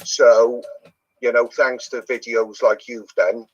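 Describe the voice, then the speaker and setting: A man's voice: mid-range voice, flat delivery, slow, no echo, rough recording. A middle-aged man with a thick Yorkshire accent, chatting casually as a podcast guest. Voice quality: thick broad regional accent. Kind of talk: casual chat.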